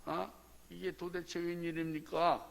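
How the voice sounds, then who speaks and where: A man's voice: high voice, level tone, a little slow, gravelly, long reverb tail. A male preacher voicing a frantic, tearful peasant man who begs to carry a cross, with urgent, pleading exclamations. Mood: alarmed.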